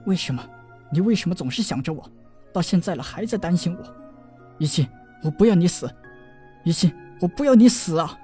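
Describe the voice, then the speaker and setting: The narrator voicing a grief-stricken young man who sobs and shouts desperate pleas. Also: medium pitch, lively intonation, fast talker, faint music behind, natural voice. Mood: anguished. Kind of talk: audiobook drama reading.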